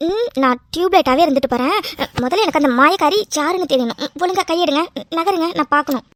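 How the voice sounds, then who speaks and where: A woman's voice: sits high, expressive, quick pace, a bit bright, dry recording. A woman voicing a naive, shy young wife in a cartoon romance, innocent and pouting. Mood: jealous. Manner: innocent, pouting, easily tearful.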